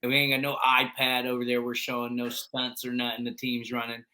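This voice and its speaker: Animated man telling a football story. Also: mid-range voice, fairly quick. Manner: animated storyteller who acts out quoted voices; slangy, casual. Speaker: high school football coach and podcast co-host. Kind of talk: casual chat, storytelling.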